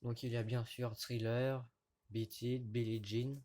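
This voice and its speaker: A man casually showing vinyl records to his camera, talking in a halting way with many fillers and restarts, recorded indoors at home. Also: mid-range voice, little pitch movement, a little mellow. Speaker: record collector vlogger. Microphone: camera mic at close range.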